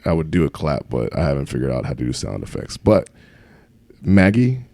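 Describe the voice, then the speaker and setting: A man's voice: extremely low pitch, sing-song, a little fast, gravelly, dark tone, no room sound. A man chatting casually as a playful podcast host, who pronounces his th sounds as f.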